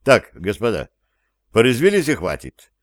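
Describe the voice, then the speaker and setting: A man voicing a cool, cocky male gang leader who gives orders calmly and mocks his crew. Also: medium pitch, normal speed, no echo, studio quality. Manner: calm, commanding, mocking.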